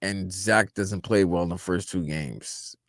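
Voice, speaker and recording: A man's voice: low-pitched, unhurried, dry recording, clean studio sound. A man co-hosting a sports radio show, breaking down the game emphatically, restarting his sentences. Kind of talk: postgame radio analysis.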